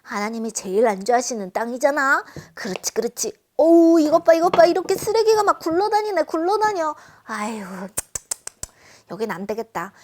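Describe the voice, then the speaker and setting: A woman's voice: sits high, sing-song, normal speed, darkish tone. A woman playing a huffy, sneering traveler. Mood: scornful. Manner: exaggerated, huffy and disdainful. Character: scornful grown-up traveler sneering at a town. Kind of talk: children's sermon storytelling.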